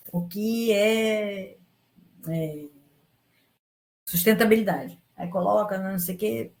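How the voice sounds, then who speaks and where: A woman teacher talks her class through a lesson over an online call. She rambles and stops herself mid-sentence, then starts over. She checks in with her students after almost every point to keep them with her. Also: medium pitch. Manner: rambling, frequent fillers and restarts.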